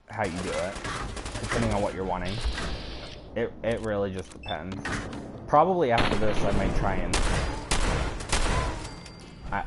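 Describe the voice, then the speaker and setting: A man casually talking through a game as a let's play host, rambling and swearing offhandedly, with the hiccups. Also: fairly low pitch. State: has the hiccups. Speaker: gaming channel host.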